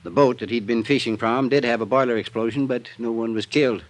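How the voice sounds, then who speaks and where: In the manner of old 1940s-50s radio plays, a man portrays a careful, polite insurance company executive who stays guarded while confiding. The mid-range voice keeps fairly even intonation, lightly acted, measured, and hesitant when letting something slip.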